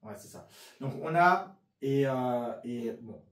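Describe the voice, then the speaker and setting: Animated man hosting a youth Bible talk. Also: mid-range voice, slow pace. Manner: animated, hesitant with many fillers. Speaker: youth ministry host. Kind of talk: casual chat and Bible reading. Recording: roomy sound from a distance.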